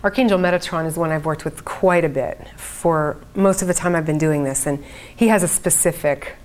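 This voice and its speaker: Speaking at normal speed in a low voice, a trance channeler addresses a group informally at an event she leads. She is earnest and conversational as she channels spiritually for the audience.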